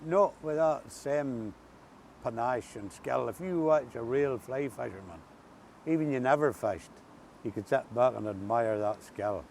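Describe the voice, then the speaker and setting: A man's voice: measured pace, vocal fry. An older man with a rural Ulster accent, chatting and telling stories casually as an interview guest outdoors. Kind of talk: casual storytelling chat. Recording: steady background noise, outdoor rumble.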